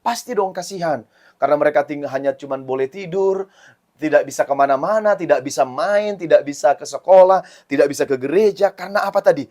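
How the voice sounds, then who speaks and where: Guy preaching to kids at sunday school, high voice, keeps asking them questions and repeating phrases. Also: fairly quick, darkish tone. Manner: asks children rhetorical questions; storytelling, repeats phrases for emphasis. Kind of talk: sermon for children.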